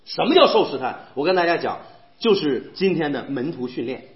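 A man preaching a sermon in a church, animated and firing rhetorical questions at the congregation. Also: fairly high pitch, a little fast. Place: church hall. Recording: echoey, dull church hall recording.

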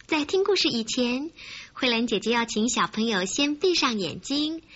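A woman narrates for young children with a high, bright voice. She is expressive and coaxing, speaking straight to the child as a story host. The recording is slightly muffled. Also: moderate pace. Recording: muffled recording with faint music.

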